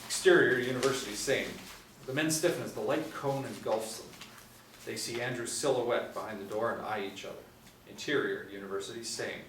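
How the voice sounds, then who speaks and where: A middle-aged man reads stage directions as narrator at a table read, his medium-pitched voice a bit bright and a little fast. He's seated in a small indoor space, reading from a tablet. Recorded on a distant mic in an echoey room, with faint noise.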